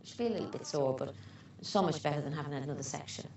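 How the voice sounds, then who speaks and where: A woman's voice: low voice, fast, vocal fry, darkish tone, slight background noise. A female midwife from the English Midlands, coaching a mother through labour with repeated short, encouraging urgings. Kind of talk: coaching a birth. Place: hospital delivery room. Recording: roomy distant lo-fi sound.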